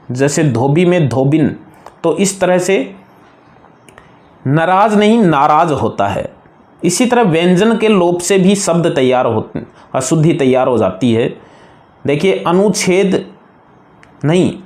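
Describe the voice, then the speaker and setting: A man's voice: on the high side, a little mellow, roomy sound. A man teaching a grammar lesson, patiently explaining spelling rules and repeating each wrong and right form. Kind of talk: classroom-style grammar lesson.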